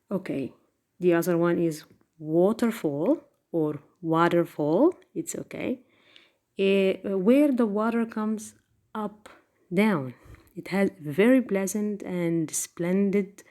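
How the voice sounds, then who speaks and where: A woman's voice: lowish voice, warm tone. A woman teaching an English vocabulary lesson, hesitant and full of fillers, repeating each new word. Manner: slow, halting, many fillers, repeats words.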